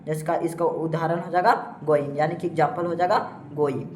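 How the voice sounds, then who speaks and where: A woman teacher with a Bihari Hindi accent, giving a classroom lesson and reading word lists aloud slowly. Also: deep voice, steady tone, darkish tone, reverberant. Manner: reads word lists aloud slowly, adds frequent "theek hai".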